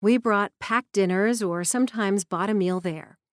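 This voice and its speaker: A woman's voice: medium pitch, normal speed, no echo. A woman reading her own memoir aloud in an earnest, reflective manner. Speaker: memoir narrator. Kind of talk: audiobook memoir narration.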